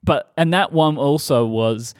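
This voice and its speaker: A man's voice: a little high, clean tone, dry recording, clean studio sound. A man co-hosting a podcast, chatting casually and animatedly, stretching words for emphasis. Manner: conversational, animated, drawn-out emphasis. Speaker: podcast co-host. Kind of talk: casual tech podcast chat.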